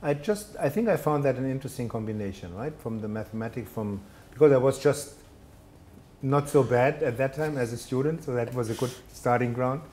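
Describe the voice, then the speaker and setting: In a conversational studio interview on an indoor set with a brick wall, a German telecom executive appears as a guest. He speaks fairly quickly in a mid-range, darkish voice, hesitant and self-deprecating, full of fillers and restarts. A little hiss or hum is audible.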